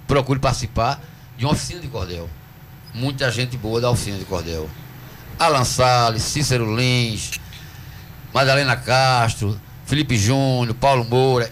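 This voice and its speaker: A man with a Northeastern Brazilian accent speaks in a mid-pitched voice as a guest in a radio studio. He explains patiently and like a teacher, drawing out words to mark rhythm and syllables. A faint hiss sits under the recording. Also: a bit bright. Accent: Northeastern Brazilian Portuguese. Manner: earnest, teacherly, slows to stress syllables. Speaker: cordel poet, interview guest. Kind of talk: radio interview, explaining at length.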